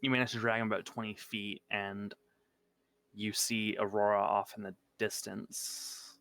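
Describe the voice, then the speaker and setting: Low-voiced man running a tabletop game. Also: little pitch movement, unhurried, gravelly, a bit bright. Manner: thinking aloud, self-correcting. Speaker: game master.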